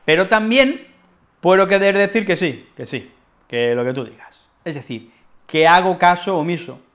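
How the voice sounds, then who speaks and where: Lively Spanish teacher from Spain. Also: male voice, high-pitched, normal speed. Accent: Peninsular Spanish. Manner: playful, acts out little dialogues with his brother. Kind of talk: casual explanatory lesson with acted examples.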